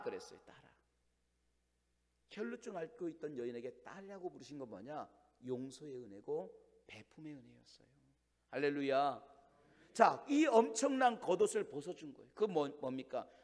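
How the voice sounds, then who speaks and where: A man preaching a Sunday sermon in a fairly high voice, putting question after question to the congregation. He booms out key phrases and then sinks to near whispers. The sanctuary lends his voice a long, ringing reverb. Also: sing-song, moderate pace. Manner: preaching with rhetorical questions, swings between loud emphasis and hushed lines. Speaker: pastor. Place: church sanctuary. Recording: long church hall reverb.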